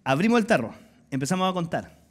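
A middle-aged man with a Chilean accent, preaching a sermon as pastor and acting out voices in lively storytelling. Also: sits high, fast. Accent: Chilean Spanish. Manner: animated storytelling, acts out voices and dialogue.

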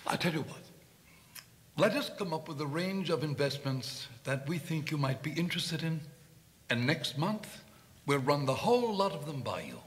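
A man playing a businessman in a meeting, brisk and dismissive. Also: a little high, animated, close to an everyday voice. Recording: film clip played in a hall, music behind.

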